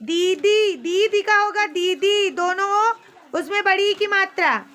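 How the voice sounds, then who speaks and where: A woman tutor with a very high, bright voice drills a class of pupils, sternly scolding their mistakes. She spells each word out slowly, letter by letter, taking her time and repeating the right form. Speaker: home tutor. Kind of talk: checking homework and drilling pupils.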